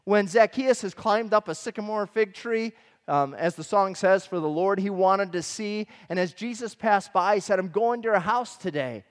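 A middle-aged man from Michigan preaching a sermon as pastor, conversational and animated with personal asides. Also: high-pitched, normal speed, long reverb tail.

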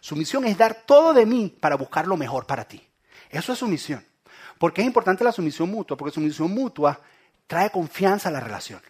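A man preaching a sermon, swinging from loud calls to hushed, low lines. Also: very animated, fairly quick, husky. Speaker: pastor.

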